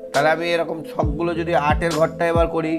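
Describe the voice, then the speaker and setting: Male online teacher for young kids, higher voice, sing-song delivery, music under the voice. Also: monotone. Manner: sing-song, slows to sound out words. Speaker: online teacher for first graders. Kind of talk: children's lesson.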